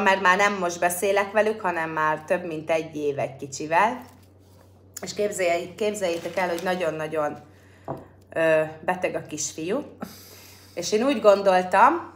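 A woman with a fairly low voice talks to her livestream audience. Her delivery is casual and conversational, as a host speaking straight to viewers.

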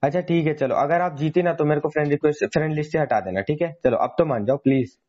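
A man's voice: a little high, quick pace, a little mellow, highs cut off. A man hosting a gaming channel, chatting casually and pleading persistently over in-game voice chat.

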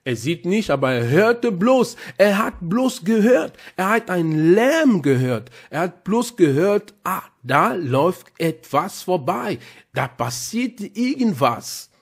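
A man preaching a sermon, halting with many restarts and repeated words, breaking in with "Halleluja". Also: high-pitched, big pitch swings, breathy edge. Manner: punctuates with "Halleluja".

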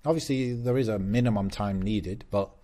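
A low-voiced man speaks in easy podcast conversation. He is relaxed and encouraging and gets quicker when he drives a point home. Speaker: podcast co-host. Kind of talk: casual chat.

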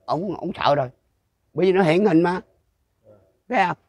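Recorded dry and up close without any room echo, an older Southern Vietnamese man being interviewed rambles through a rural ghost story, repeating points and frequently starting over. His slightly high voice is husky with a darkish tone. He keeps a moderate pace throughout this casual folk storytelling.

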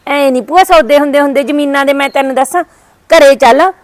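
A woman's voice: sits high, quick pace, no echo, natural voice. A woman with a Punjabi accent playing a niece who coaxes and placates her angry aunt. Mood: placating. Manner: coaxing, placating. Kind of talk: scripted village family skit.

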